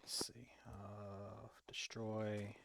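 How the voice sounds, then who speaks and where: A man's voice: fairly low pitch, monotone, drawn-out words, a bit bright. A man in casual military game chatter, muttering to himself as he works through a task. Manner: muttering to himself while working. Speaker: player working out mortar firing solutions.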